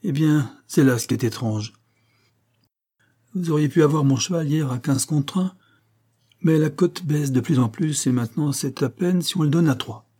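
An excitable older colonel exclaims about his racehorse in a raised, strained voice, as a man reading a storybook puts him on. The tone stays dark and a little husky underneath. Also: on the high side, normal speed, pitched above the performer's own voice, close to an everyday voice. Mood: agitated. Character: agitated older male racehorse-owning colonel.

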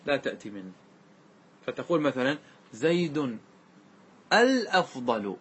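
Husky-voiced man teaching grammar. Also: a little high, lively intonation, a bit bright. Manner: asks the class questions and answers them, recites verse lines slowly. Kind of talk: classroom lesson on classical grammar.

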